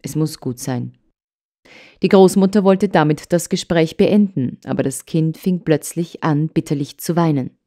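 Mellow-voiced woman reading an audiobook. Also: low-pitched, fairly even intonation, normal speed. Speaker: audiobook narrator. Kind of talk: scripted narration.

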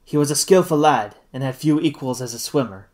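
A reader voicing a steady hunter. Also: mid-range voice, fairly quick, natural voice. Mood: grave. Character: steady male sportsman and hunter.

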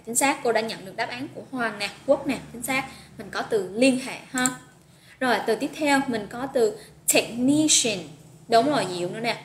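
A woman teaching an English vocabulary lesson live online, upbeat, praising students by name and drilling pronunciation. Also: on the high side. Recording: echoey room with faint noise.

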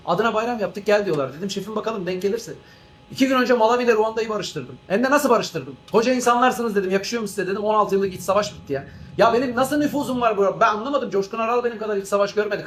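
A man playing a fed-up fast-talking airline captain. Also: high voice. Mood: exasperated. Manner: ranting, grumbling, swearing, cabin announcements. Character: exasperated male airline captain, always flown to Africa. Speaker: comedian doing a character. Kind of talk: comic monologue sketch.

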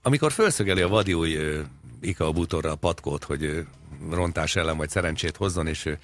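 A man with an extremely deep voice co-hosts a comedic radio chat. He rambles wryly, piling up absurd examples with plenty of pauses and fillers. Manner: wry, rambling, absurd jokes, frequent hesitations. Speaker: radio show co-host. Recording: studio radio talk show.

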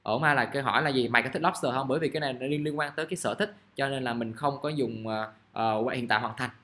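A man, teaching English grammar in a casual, chatty way and reading example sentences out slowly. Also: medium pitch, a bit bright. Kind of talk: casual classroom explanation. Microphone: recording device at his desk.

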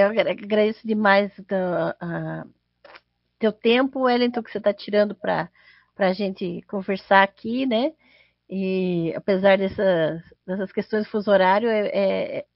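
A woman's voice: mid-range voice, dry recording. A woman with a Brazilian accent hosting a casual live chat, hesitant and often repeating words as she goes. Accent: Brazilian Portuguese. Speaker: host of a podcast livestream. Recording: dull, dry lo-fi stream audio.

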